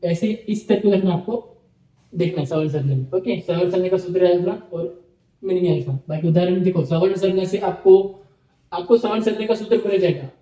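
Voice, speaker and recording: High-pitched male teacher, roomy echo. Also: a little fast, warm tone. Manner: explains step by step, repeats terms, checks in with "ठीक है". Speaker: Sanskrit teacher. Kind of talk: online lecture.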